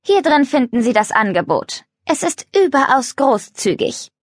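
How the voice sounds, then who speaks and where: A woman's voice: sits high, sing-song, measured pace, no room sound, clean studio sound, voice pushed up, full character voice. Woman reading as a snooty rich countess. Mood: haughty. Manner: snooty, condescending. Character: haughty rich countess, middle-aged woman. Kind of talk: storybook reading.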